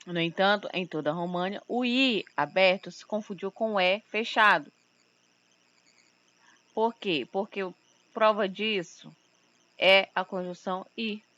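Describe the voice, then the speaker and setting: A woman teaching a recorded lesson, explaining step by step and slowly repeating example words. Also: mid-range voice, fairly bright tone. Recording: muffled lo-fi home recording.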